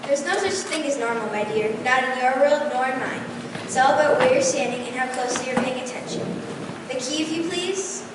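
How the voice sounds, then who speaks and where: Magic door gatekeeper , female actor, cryptic stage manner; noisy, booming hall recording. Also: a little fast, close to an everyday voice. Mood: cryptic, assured. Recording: very echoey hall, far mic, loud noise.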